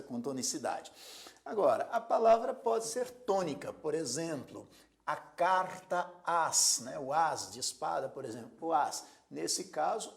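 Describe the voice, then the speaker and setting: A man teaching a grammar lesson, slowly stressing the syllables of example words. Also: fairly high pitch, creaky. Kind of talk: recorded lecture.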